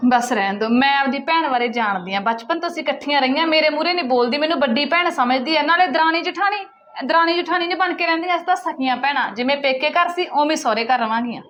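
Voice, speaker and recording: A young woman playing a fussy elder sister and wife who quickly nags about chores, in a short film. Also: sits high, fairly bright tone, a little hiss or hum. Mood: nagging. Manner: quick, nagging and scolding. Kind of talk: Punjabi short film acting. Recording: slightly dull, lo-fi.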